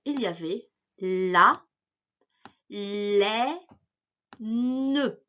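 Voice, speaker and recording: A woman teacher giving a spelling dictation to young pupils, articulating slowly and repeating each word. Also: a little high, a bit bright, dull audio.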